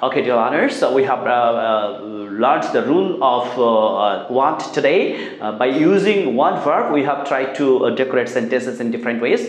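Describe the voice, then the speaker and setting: A Bangladeshi man leads a spoken English class, repeating drill sentences one by one with many hesitant fillers. He speaks at a slow, deliberate pace, and his voice rings in a roomy, echoing space. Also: medium pitch, lively intonation. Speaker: English teacher. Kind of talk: classroom lesson mixing Bengali and English.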